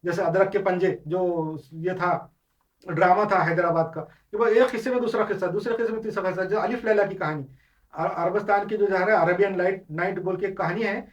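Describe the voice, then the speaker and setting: High-voiced man giving a religious lecture. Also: fast, recorded from a distance, dull audio. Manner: explanatory, mixes English terms into Hindustani; frequent restarts and filler sounds. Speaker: Islamic teacher.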